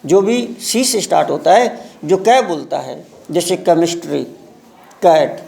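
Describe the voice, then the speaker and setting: A male English teacher giving a live class lesson, reading English lines slowly word by word and explaining pronunciation. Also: high-pitched, lively intonation, vocal fry, a little mellow. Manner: reads English aloud very slowly, word by word, then explains in Hindi.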